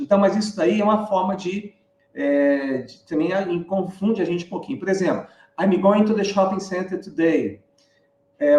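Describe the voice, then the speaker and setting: A man's voice: on the high side, darkish tone, far from the mic. A man with a Brazilian Portuguese accent, explaining an English lesson in a live online class, often checking in with tag questions. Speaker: English teacher. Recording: echoey room, voice a bit off-mic.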